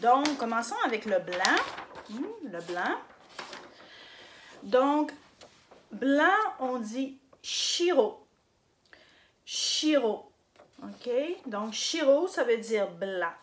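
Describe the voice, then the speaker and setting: A woman giving a casual spoken lesson, hesitant with many fillers and repeating words slowly for her viewers. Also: a little high, sing-song, fairly bright tone. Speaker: language teacher on her own channel.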